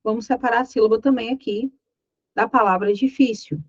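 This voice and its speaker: Slightly high-pitched and a little fast, a woman with a Brazilian Portuguese accent gives an exam-prep grammar lesson in a dry, lo-fi recording. She breaks things down step by step, checks on her students regularly, and poses questions as if students were asking them.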